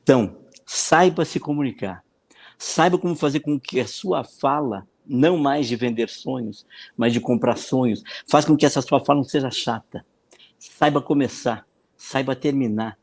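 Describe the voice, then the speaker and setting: A man with a Brazilian accent explains his coaching work in a podcast interview. He talks in an animated way, repeats words to stress them and slips into quoted voices. His voice sits at an ordinary pitch. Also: moderate pace. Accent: Brazilian Portuguese. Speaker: political consultant and speaking coach.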